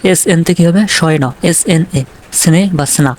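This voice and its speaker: A man teaching an English reading lesson in a slightly raised voice. He drills each letter pair patiently and repeats himself often. A faint hiss sits under the recording. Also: on the high side. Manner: slow, repetitive drilling.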